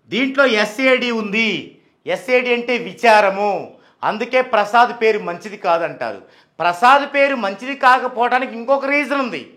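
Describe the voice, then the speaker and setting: A man explaining name sounds, asking and answering his own questions and slowly repeating names to show how they are pronounced. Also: sits high, pushed and bright. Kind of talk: explanatory talk.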